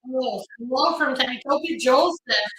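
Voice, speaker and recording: A Ukrainian immigration lawyer, speaking on a phone in an echoey home or office room in New York, chats on a live stream and greets viewers by name. Her voice sits high and a bit bright with a moderate pace, she's upbeat and uses lots of fillers, and there's a little hiss or hum.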